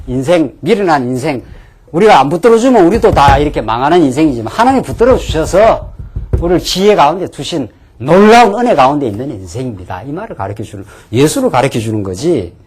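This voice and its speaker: A man's voice: medium pitch, lively intonation, fairly quick, darkish tone, husky. A man pastor giving a conversational Bible lecture sermon, often adding affirming asides and rhetorical questions.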